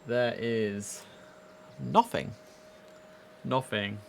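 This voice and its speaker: Here a young man talks casually and excitedly while streaming a game live from his computer indoors. The voice is medium in pitch and gravelly, slightly mellow, and extremely slow, with faint hiss or hum.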